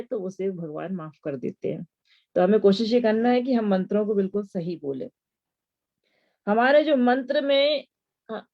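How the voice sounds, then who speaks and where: A woman's voice: mid-range voice, highs cut off. A woman giving a devotional lesson on mantras, explaining patiently and asking rhetorical questions. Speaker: religious teacher.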